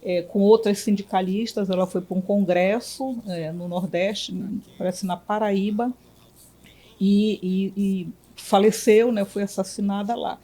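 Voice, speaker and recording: A woman from Belém, Brazil, who is a physician and union director, answers interview questions reflectively, pausing a lot and restarting her sentences. Her voice is mid-range and dark, with a steady tone.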